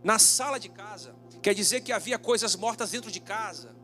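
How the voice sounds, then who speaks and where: A male pastor preaching a sermon, telling a story dramatically and slowing down for emphasis. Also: high voice, pushed and bright, soft background music.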